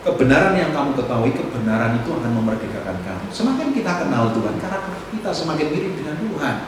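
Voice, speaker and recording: A man, a pastor preaching a sermon, swinging from loud exhortation to soft asides. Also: medium pitch, big pitch swings, quick pace. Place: church hall. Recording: echoey church hall, distant mic, noisy room.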